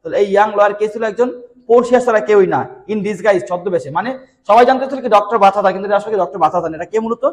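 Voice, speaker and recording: A man with a Bangladeshi accent teaching an English lesson, reading each line slowly and then explaining it at length with questions to his students. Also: sits high, poor audio.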